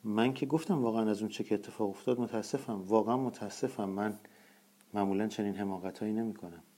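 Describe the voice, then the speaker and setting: A man's voice: fairly low pitch, dark tone, close to an everyday voice. A man reading as a flustered, apologetic office woman. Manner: stammering, hurried apology.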